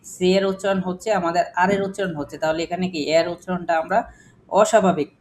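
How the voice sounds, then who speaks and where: A man's voice: high voice, fairly even intonation, fast, slight background noise. A man teaching an English phonics lesson, asking the class questions and repeating examples to drill them.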